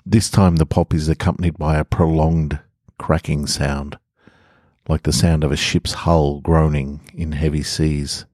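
Here an Australian host reads stories on his podcast, chatting casually at first and then telling a horror tale in the first person from his garage. Close to the microphone, his rumbling low voice stays level, unhurried and a little mellow, without echo.

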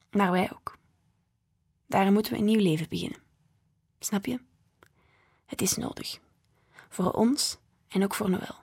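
A woman voicing a patient, practical mother who calmly reassures her grumbling mother, in a storybook reading. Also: mid-range voice, gravelly, breathy edge. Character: patient, weary mother calming her own mother.

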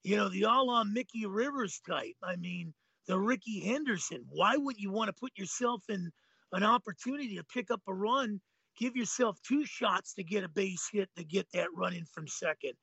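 A man in his late fifties with a high, gravelly and husky voice, co-hosting a sports talk show in a laid-back, easygoing way. The sound is dry and a little dull, like lo-fi audio. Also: expressive, normal speed, pushed and bright, no echo. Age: 50s. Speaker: co-host.

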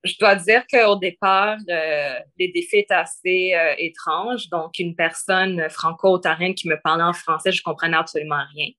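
Bright-voiced young woman with Québécois accent. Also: on the low side, steady tone, moderate pace, few pauses. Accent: Québécois French. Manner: thoughtful, frequent fillers and restarts. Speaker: interview guest. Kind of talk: interview answers.

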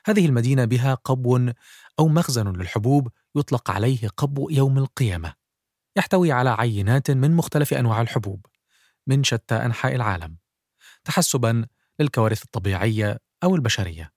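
A man's voice: mid-range voice, animated, fast talker, darkish tone, no echo, studio quality. A man hosting and narrating a scripted documentary podcast.

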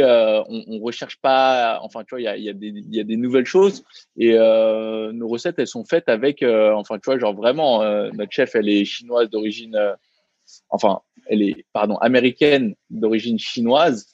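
A man's voice: on the low side, darkish tone, no room sound, lo-fi sound. A man, a restaurant co-founder, talking casually in a podcast interview, full of fillers and restarts. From Vietnamese heritage, raised in France. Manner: halting, many fillers and restarts.

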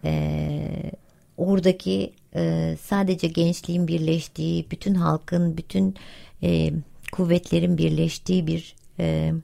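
A woman with a slightly low, gravelly voice and a warm, dark tone speaks earnestly to her listeners. She talks in a casual discussion style and presses her points with conviction. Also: flat delivery, unhurried. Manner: earnest, urging listeners to vote.

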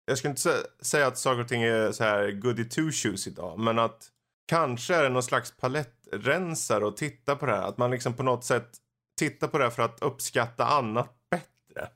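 A man with a gravelly, fry-tinged voice co-hosts a podcast. He talks casually and hesitantly, with many fillers. His pitch sits in the middle range. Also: fairly bright tone. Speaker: podcast co-host. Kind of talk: casual chat.

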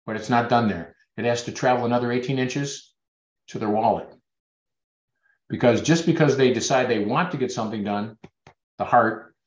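A man, a dentist, giving a webinar presentation over a video call in an earnest, persuasive storytelling way. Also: medium pitch. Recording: roomy, dull webinar audio.

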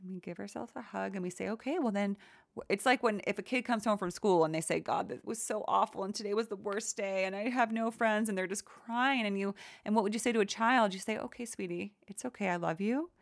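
A woman hosting a solo podcast, talking in a soft, gentle and soothing way as she reflects aloud. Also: medium pitch, brisk, no echo, studio quality. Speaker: podcast host.

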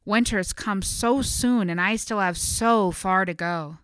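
A woman voicing a small, cold and exhausted female bluebird, speaking weakly and slowly. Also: medium pitch, a bit bright, clear, resonant tone, no echo, clean studio sound, lightly acted. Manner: weak, slow and tired.

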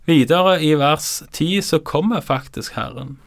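A man acting as a Bible teacher, giving calm, explanatory commentary on scripture. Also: on the high side, gravelly, no echo, studio quality.

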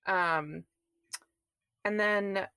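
A woman hosting a casual interview who gives short, slow responses. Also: medium pitch, pushed and bright, clear, resonant tone, dry recording, clean studio sound, faint music behind.

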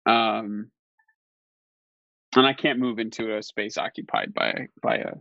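Gravelly man hesitating through his turn. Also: lowish voice, very animated, measured pace, pushed and bright, dry recording. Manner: hesitant, many ums. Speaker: player. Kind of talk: tabletop game play. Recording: dull lo-fi recording.

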